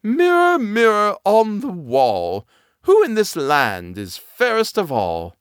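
A man voicing a vain, envious wicked queen with a shrill, drawn-out delivery. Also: huge pitch swings, no room sound, clean studio sound, heavily acted. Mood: demanding.

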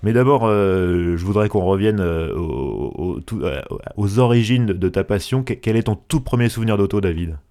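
A man in his forties, a car journalist, hosts a podcast interview in a low, dark voice at a moderate pace. He sounds animated and enthusiastic, speaking eagerly while stammering and restarting often.

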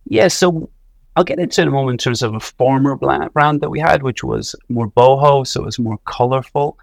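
A man with a northwest Irish accent from Donegal, blended a little, answers interview questions in a measured, explanatory way. His voice has plenty of fry and sits at a medium pitch. The sound is dry. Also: dry recording. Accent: Irish, from Donegal, blended with a second accent. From Donegal, northwest Ireland. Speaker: interview guest, clothing brand co-founder.

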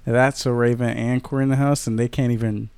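A man's voice: medium pitch, steady tone, a little fast, gravelly, darkish tone, clear, resonant tone, no echo. A man co-hosting a casual podcast, joking and swearing loosely with his co-host. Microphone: home podcast mic.

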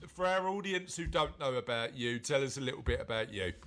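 A man's voice: medium pitch, lively intonation, a little fast, fairly bright tone, a little hiss or hum. A middle-aged man with an English accent, presenting and chatting casually as a podcast host.

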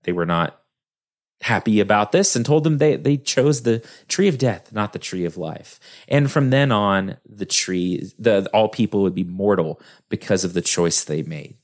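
A man with a West Texas drawl giving an informal talk in a halting, conversational way. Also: lowish voice, expressive. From West Texas, United States. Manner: halting, conversational, self-deprecating asides. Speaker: lecturer.

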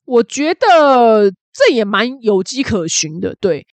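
A woman's voice: fairly high pitch, big pitch swings, takes it slowly, no echo. A young adult woman host, chatting casually with gossipy, emphatic asides.

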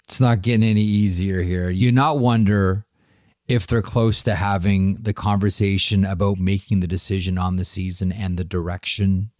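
A man's voice: low voice, steady tone, normal speed, a little mellow, no echo, studio quality. A man co-hosting a hockey podcast in casual chat, asking pointed questions and steering the talk onto the next topic.

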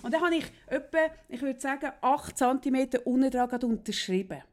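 A woman telling a story in casual chat, animated and ending lines with tag questions. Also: sits high, a little fast.

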